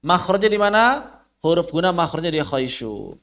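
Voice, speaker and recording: A man's voice: a little high, big pitch swings, moderate pace, a bit bright. A man with an Indonesian accent teaching tajwid online, patiently demonstrating how letter sounds are pronounced.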